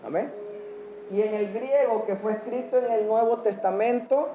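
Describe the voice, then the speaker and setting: Amid a noisy background in an echoey church hall, a pastor with a high voice preaches at normal speed, questioning the congregation and answering each point with amen.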